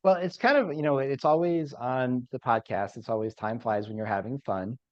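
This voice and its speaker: A male podcast host who rambles through his questions, leaning on "you know" and "like". His voice sits at an average pitch. The audio sounds dull and muffled, with no room echo. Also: normal speed. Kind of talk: podcast interview.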